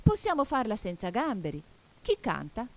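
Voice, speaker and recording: A woman voicing a weepy, mournful sea-turtle creature in an audiobook that keeps bursting into shrill excitement. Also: moderate pace. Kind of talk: audiobook character voice.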